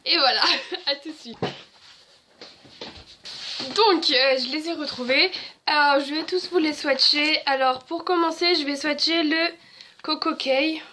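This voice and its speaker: Young woman, beauty vlogger, high voice, chatty, fillers and restarts. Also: unhurried, long pauses, sharp tone. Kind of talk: casual haul and swatch video.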